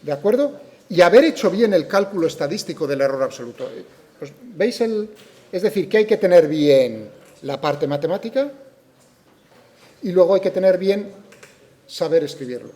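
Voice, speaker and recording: A man with a Spain Spanish accent lectures a physics class in a slightly high, mellow voice. He raises the objections students might have, answers them, and keeps asking whether everyone follows. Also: big pitch swings, normal speed, long pauses. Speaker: physics teacher.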